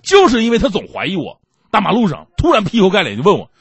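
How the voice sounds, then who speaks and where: A man's voice: sits high, fast talker, slightly rough, no room sound. A man hosting a stand-up comedy show, telling stories with playful self-mockery and acting out the people in them. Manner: animated storytelling with acted-out quotes.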